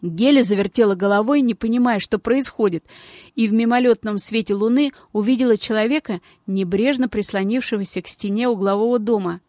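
A woman's voice: medium pitch, a little fast, no room sound, studio quality. Woman reading a children's adventure audiobook. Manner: steady, expressive storytelling. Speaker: audiobook narrator. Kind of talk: scripted narration.

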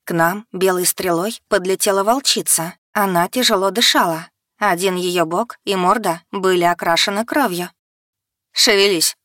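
A woman reads a first-person fantasy audiobook expressively and cries out the heroine's shouts at full voice. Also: on the low side, normal speed, no room sound, clean studio sound. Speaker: audiobook narrator.

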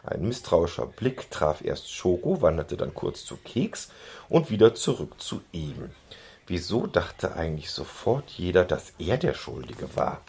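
A man reading a children's story aloud in an expressive, playful way. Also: sits low, unhurried, breathy edge. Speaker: narrator. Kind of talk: audiobook reading.

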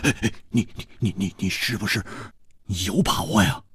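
A man's voice: wildly swooping pitch, a little fast, gravelly, husky, heavily acted. A male storyteller voicing a brash, impulsive young swordsman who stammers and blurts in agitation, in a traditional storytelling performance. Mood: anxious. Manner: high, agitated, stammering outbursts.

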